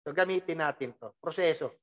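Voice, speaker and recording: Teasing the team and laughing, a network marketing team leader gives a lively, emphatic training talk packed with rhetorical questions. The delivery is brisk and medium-pitched, on lo-fi sound.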